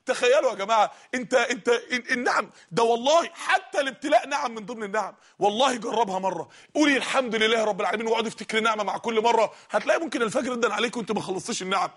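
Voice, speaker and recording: A man preaching a fervent sermon in an Egyptian Arabic accent, exhorting his listeners and sometimes shouting. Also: very high-pitched, rapid-fire, few pauses. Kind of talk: impassioned sermon.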